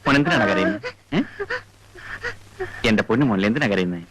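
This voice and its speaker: An actor playing a harried father who coaxes his crying little son, pleading and exasperated, his voice leaping high, in a comic film scene. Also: animated, brisk, close to an everyday voice. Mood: coaxing. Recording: loud hiss on an old film soundtrack.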